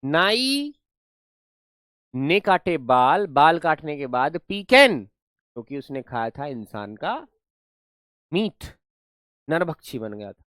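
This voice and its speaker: A man's voice: fairly high pitch, big pitch swings, takes it slowly, pauses often, fairly bright tone, clear, resonant tone, no echo, clean studio sound. A young man teaching a live online class in a playful, coaxing way, repeating words for his pupils.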